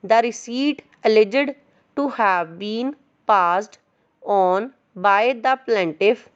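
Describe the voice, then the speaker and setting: Slow, clear woman dictation teacher. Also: medium pitch, lo-fi sound. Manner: dictation teacher's deliberate delivery in short phrases with pauses. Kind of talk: slow, measured legal dictation read aloud.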